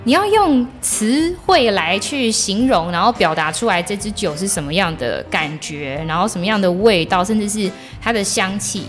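Lively chatty woman host. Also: medium pitch, moderate pace, hardly any pauses, soft background music. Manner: chatty, laughs often, many listening murmurs. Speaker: podcast host. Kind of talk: casual chat.

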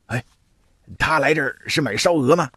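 A man's voice: on the high side, moderate pace, a bit bright, slightly rough, no room sound, clean studio sound. A man voicing a greedy, cheerful gravedigger in a told folk tale, eager and wheedling. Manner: wheedling, grinning.

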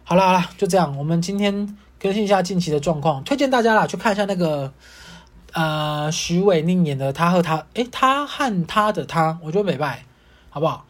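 A young woman hosting a casual solo podcast, ranting in an animated, self-mocking way. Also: lowish voice, brisk. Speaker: podcast host.

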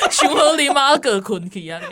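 A woman's voice: high-pitched, sing-song, normal speed, fairly bright tone. A woman from South Africa, co-hosting a casual chat. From grew up in South Africa. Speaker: podcast co-host.

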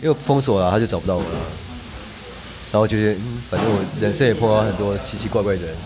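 A man, a podcast guest telling rambling, animated anecdotes with frequent restarts. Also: on the low side, quick pace, a little hiss or hum. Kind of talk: casual storytelling chat.

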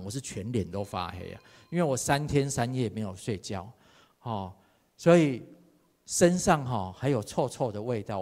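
A man preaching a sermon. He reads scripture and gives his own testimony, swinging from soft to loud and slipping into Hokkien phrases. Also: mid-range voice. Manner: mixes Taiwanese Hokkien phrases into Mandarin. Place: church hall. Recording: long hall reverb.

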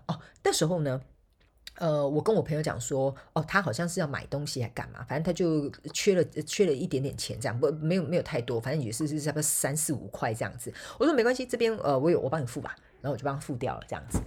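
A woman's voice: deep voice, slightly rough. A woman from Taiwan with a Taiwanese Mandarin accent, hosting a solo podcast and telling a story in a chatty way, laughing often and groping for words. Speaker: podcast host and motivational speaker.

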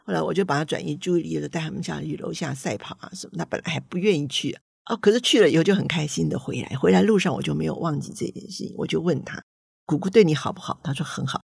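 Deep, rapid-fire, and darkish, her voice carries vocal fry and a breathy edge, recorded dry at studio quality. She's an older author with a Taiwanese Mandarin accent, telling folksy stories about her grandchildren and voicing family dialogue.

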